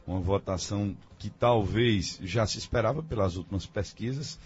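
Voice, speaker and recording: A man's voice: fairly low pitch, normal speed. A man giving his political analysis as a guest on a radio debate, thinking aloud with many fillers and restarts. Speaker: guest commentator. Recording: dull lo-fi radio studio sound.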